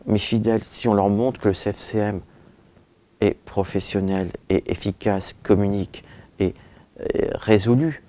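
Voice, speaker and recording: A man's voice: lowish voice, fairly even intonation, unhurried, dark tone. A man in his forties, born in Turkey and raised in France, answering interview questions in an office, hesitating with fillers, then pressing his points. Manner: frequent "euh" and "je dirais" fillers, hesitant then emphatic. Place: indoor office with bookshelves. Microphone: lapel mic.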